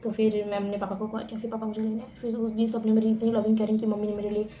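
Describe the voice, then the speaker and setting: A young woman vlogger telling stories to the camera in a chatty, animated way, often addressing her viewers as guys. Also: fairly high pitch, rapid-fire, reverberant, lo-fi sound, slight background noise. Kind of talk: casual storytelling to camera.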